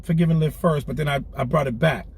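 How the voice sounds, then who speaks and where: This man's voice sits on the high side, creaky and husky, with fairly even intonation and a quick pace. He's a clothing brand founder in his forties, a guest in a candid car interview, earnest, streetwise, and prone to repeating himself.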